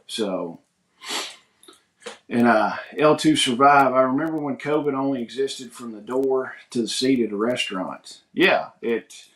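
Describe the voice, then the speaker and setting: A man's voice: mid-range voice, measured pace, fairly bright tone. A man, hosting a casual morning livestream, rambling in a folksy way and greeting viewers by name. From United States. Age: 40s. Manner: rambling, folksy, reads viewer comments aloud. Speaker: livestream host. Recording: echoey room.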